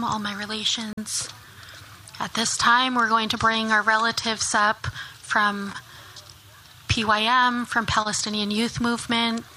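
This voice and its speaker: A woman emceeing an outdoor ceremony, thanking relatives and introducing the next speakers in a steady, grateful way. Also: on the high side, a little hiss or hum, low-quality recording. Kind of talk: announcing speakers.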